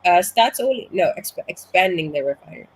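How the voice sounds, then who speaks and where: Her voice on the low side with a breathy edge, a Surinamese woman talks briskly and with lively intonation as a guest in a relaxed interview. Being ill leaves her a bit short of breath, and she restarts often during her long explanations, all over poor audio.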